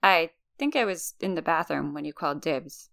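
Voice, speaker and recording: A woman's voice: sits low, lively intonation, normal speed, creaky, a bit bright, full character voice. A woman reading aloud voices an easygoing, sheepish adult man who speaks in a subdued mumble.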